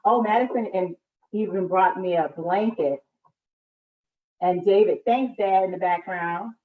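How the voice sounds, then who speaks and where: A woman with a lowish voice and measured pace chats with families while hosting a live children's storytime read-aloud. She's indoors at home on a live video call, picked up by a distant, muffled mic in an echoey room.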